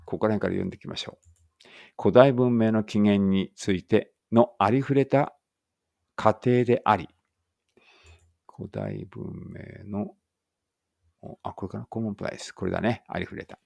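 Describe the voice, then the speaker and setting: A man with a fairly low, gravelly, slightly mellow voice teaches an English read-aloud lesson in casual speech. He thinks aloud and corrects himself, reading the English lines slowly and carefully, and the recording is dry.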